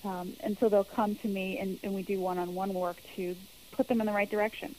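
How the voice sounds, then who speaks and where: A woman's voice: mid-range voice, level tone, fairly quick, dark tone, a little hiss or hum, rough recording. Earnest woman coach explaining steadily. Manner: earnest, explanatory, repeats key phrases. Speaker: public speaking coach. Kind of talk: interview answers.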